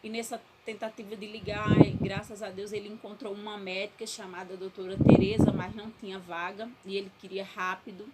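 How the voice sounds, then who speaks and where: A woman's voice: mid-range voice, little pitch movement, brisk, hardly any pauses. A woman giving an emotional, earnest personal faith testimony from her bedroom. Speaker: testimony speaker. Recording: loud background noise.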